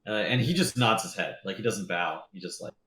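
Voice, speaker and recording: A man's voice: fairly low pitch, lively intonation, a little fast, fairly bright tone, roomy sound. A man running a tabletop game as game master, narrating casually with lots of "like" and "uh". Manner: rambling, full of "like" and "uh".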